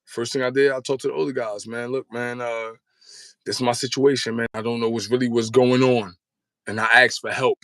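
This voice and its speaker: A man in his thirties tells his story as an interview guest, rambling in slangy street talk and repeatedly saying "you know what I'm saying." His medium-pitched voice is brisk, flat, and a bit bright, with no room sound.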